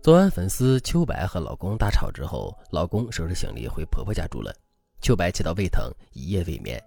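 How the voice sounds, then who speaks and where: Animated fast-talking male advice host. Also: low-pitched, gravelly, slightly rough. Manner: animated storytelling, lecturing. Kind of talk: scripted advice narration. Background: faint background music.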